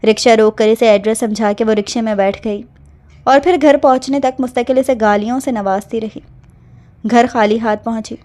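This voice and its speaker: A woman narrating an emotional romance novel aloud in a smooth storytelling manner. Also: a little high, fairly even intonation, dark tone. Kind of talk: novel reading.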